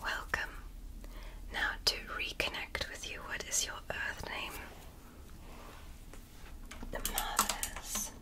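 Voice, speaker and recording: This ASMR performer whispers her way through a roleplay as a kind alien doctor conducting an exam. She sounds calm, careful and comforting throughout.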